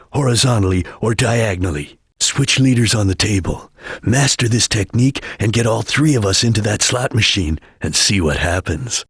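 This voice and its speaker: An actor playing a serious, disciplined chameleon ninja detective in a video game, husky and terse, speaking in measured lines. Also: male voice, on the low side, dry recording, clean studio sound.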